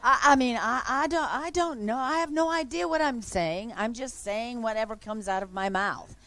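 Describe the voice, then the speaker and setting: Animated woman preacher telling a story. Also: fairly high pitch, normal speed. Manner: animated, swings from hushed to loud and excited. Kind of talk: sermon testimony storytelling.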